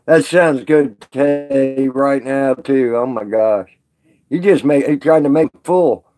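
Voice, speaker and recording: A man's voice: mid-range voice, unhurried. A man chatting casually on a live stream with viewers, rambling and folksy, laughing often.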